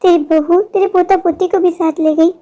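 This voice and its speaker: A woman's voice: extremely high pitch, steady tone, normal speed, dark tone. A woman voicing a prying, meddling older neighbor woman in a cartoon story. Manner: prying, insinuating.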